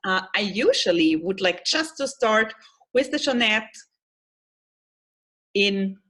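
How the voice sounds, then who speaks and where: A woman from Austria with an Austrian German accent, hosting an interview in English with many fillers and pauses. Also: medium pitch, animated, fairly bright tone. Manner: hesitant, full of "like" and "um". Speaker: host. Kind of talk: casual interview chat.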